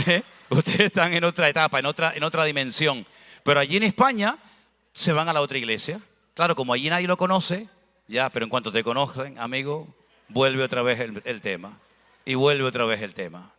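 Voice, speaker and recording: Bright-voiced pastor preaching in a hall. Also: male voice, medium pitch, a little fast. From Spain. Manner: lively preaching with anecdotes. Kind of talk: sermon. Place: church. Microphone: handheld microphone.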